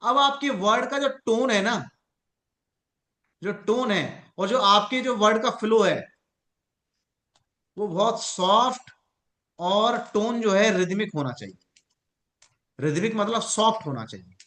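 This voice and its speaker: A man's voice: sits high, animated, slow, long pauses, sharp tone, echoey room. A man teaching a class on mind techniques, explaining through examples and questions he puts to his listeners.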